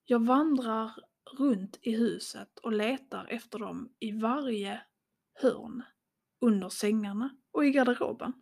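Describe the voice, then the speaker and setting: A woman reading a first-person horror story in slow, dramatic tones, dropping to a hush at tense moments. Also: a little high. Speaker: podcast host and storyteller.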